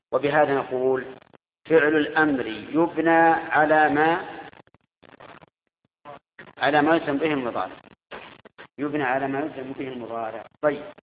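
A man's voice: a little high, a little hiss or hum. A man teaching a grammar class, quizzing his students and repeating their answers. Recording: tinny echoey hall recording.

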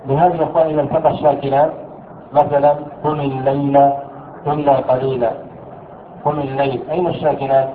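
A man teaching an Arabic grammar lesson. He asks his students questions, answers them himself and repeats key words slowly. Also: medium pitch, little pitch movement, a little hiss or hum. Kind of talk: classroom lesson explaining a text. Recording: echoey room over a thin phone-like line.

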